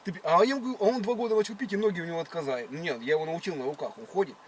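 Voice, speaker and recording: A man's voice: fairly high pitch, racing, natural voice. A man putting on a brash, cheeky village hustler in an improvised prank chat, rambling in slang with a slushy lisp that turns s into sh. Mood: earnest storytelling. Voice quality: lisping, slushy sh for s. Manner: rambling, slangy, cheeky country-bumpkin talk. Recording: faint background noise.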